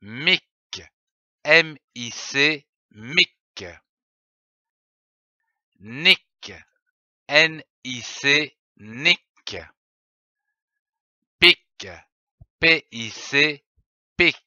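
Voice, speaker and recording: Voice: mid-range voice, expressive, very slow, pauses often, pushed and bright, no room sound, highs cut off. A voice reciting syllables for a children's dictation lesson, spelling each one out letter by letter. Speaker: teacher.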